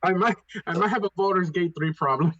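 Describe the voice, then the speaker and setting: A man's voice: high-pitched, fast, a bit bright, no echo. A man playing a tabletop game, speaking hesitantly and trailing off, with many fillers. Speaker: player. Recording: dry, dull lo-fi mic.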